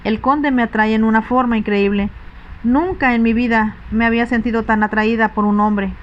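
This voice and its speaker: A woman voicing a petulant, self-indulgent young stepmother in a soft, whispered role-play audiobook reading. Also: on the high side, steady tone, normal speed, lo-fi sound, a little hiss or hum, natural voice. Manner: childish, dreamy and self-indulgent. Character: petulant pleasure-loving young stepmother, lady.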